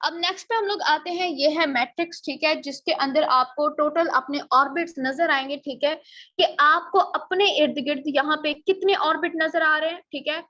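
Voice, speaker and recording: A woman's voice: sits high, moderate pace, pushed and bright, no room sound. A woman explains a plan in a casual lesson, often asking rhetorical questions and checking "okay?". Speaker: presenter explaining a marketing plan. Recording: dull, slightly lo-fi dry recording.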